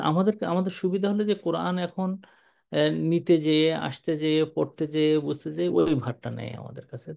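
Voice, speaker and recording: An older man giving a sermon-style Quran commentary, lively and colloquial, moving between slow Arabic recitation and quick speech. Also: fairly high pitch, creaky.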